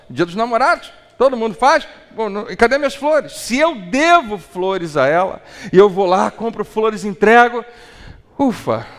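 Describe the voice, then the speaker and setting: A man preaching a sermon as a pastor, animated and acting out small dialogues. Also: high-pitched, big-room sound. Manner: animated, acts out little dialogues.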